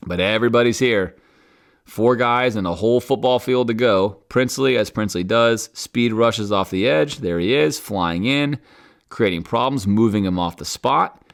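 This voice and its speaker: Male podcast host, deep voice, animated film-review commentary. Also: normal speed, creaky. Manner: animated, acts out coaches and players in quoted asides.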